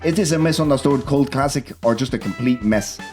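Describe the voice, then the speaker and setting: Soft music plays behind an Irish podcast host with a Dublin accent as he talks films in a chatty, sweary, informal manner, regularly tagging on "do you know what I mean." His mid-range voice has a darkish tone and runs a little fast.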